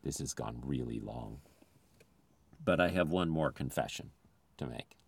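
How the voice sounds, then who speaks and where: A man with a very deep voice delivers a sermon in an earnest, confessional way. He grew up in the Philippines, and the sound is dry and close. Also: expressive, measured pace, gravelly, breathy edge, no echo.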